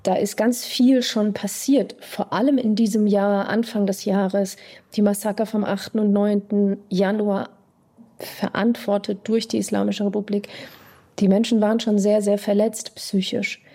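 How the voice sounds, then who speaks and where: A woman psychotherapist, born in Iran, answering interview questions in a thoughtful, deliberate way, pausing to search for words. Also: medium pitch, little pitch movement, dark tone. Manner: thoughtful, deliberate, with pauses and fillers.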